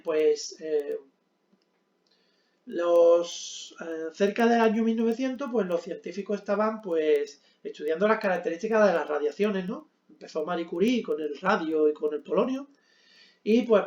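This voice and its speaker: A man's voice: sits high, darkish tone, echoey room, muffled recording. A man teaching a physics lesson at a board, explaining step by step with frequent check-ins and hesitant fillers.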